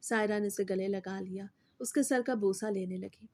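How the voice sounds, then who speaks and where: A woman tells a story in a steady, scripted narration. Her voice is mellow and dark, with pitch sitting in the middle of the range.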